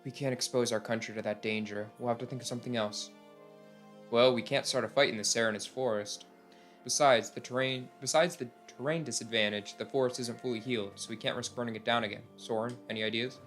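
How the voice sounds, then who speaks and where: A man's voice: mid-range voice, fairly even intonation, fast talker, a bit bright, faint music behind, lightly acted. Man playing an earnest young mercenary commander. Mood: concerned.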